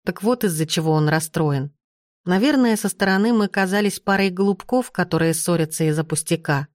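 A woman narrating an audiobook in the first person, with steady, even storytelling. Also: lowish voice, brisk, no echo, studio quality.

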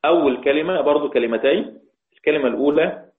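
A man with an Egyptian accent teaching the variant Quran readings, repeating each phrase and chanting the quoted verses slowly. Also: a little high. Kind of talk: religious lesson explaining readings. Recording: echoey, tinny phone-like sound.

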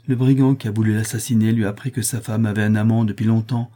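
A man's voice: fairly low pitch, fairly even intonation, fast talker, warm tone, close to an everyday voice. A man voicing a weary, distraught woman who turns bitter and resentful in a read-aloud story.

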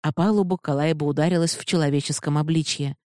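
An audiobook narrator reads a fantasy novel in a measured, steady way, close to the mic. The voice is medium-pitched, with no echo.

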